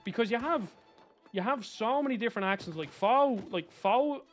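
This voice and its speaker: A man with a Dublin accent chats over his gameplay in a high, light voice. He rambles and tosses out opinions in a loose, casual way. Faint game music plays underneath. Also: expressive, normal speed. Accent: Dublin Irish. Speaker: gaming YouTuber.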